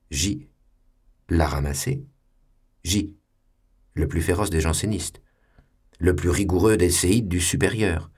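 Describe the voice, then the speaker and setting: Deep husky guy reading a story out loud, slow and dramatic. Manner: measured, theatrical.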